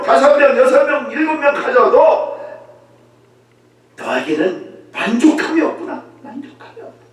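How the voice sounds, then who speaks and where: Male pastor, high and lively voice, emphatic sermon, distant mic in a very echoey church. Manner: emphatic preaching with sudden shouted rises. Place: church sanctuary. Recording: very echoey church hall, voice from far off.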